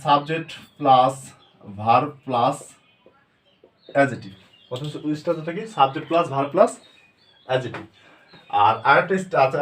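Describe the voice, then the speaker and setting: A Bangladeshi man teaching English grammar, asking questions and answering them himself, sounding words out slowly. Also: a little high. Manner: asks and answers his own questions, slow word-by-word drilling. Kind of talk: spoken grammar lesson with questions to students.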